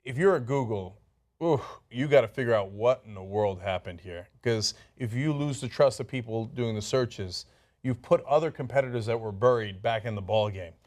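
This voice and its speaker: A man hosting a panel discussion on a news commentary show, talking in an animated, emphatic way with sudden jumps in pitch. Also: normal speed. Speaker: show host.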